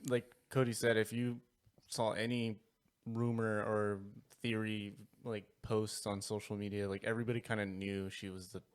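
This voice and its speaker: A man's voice: fairly low pitch, level tone, normal speed, smooth. A man co-hosting a casual gaming podcast, agreeable and hedging, with lots of fillers. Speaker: podcast co-host. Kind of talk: casual chat.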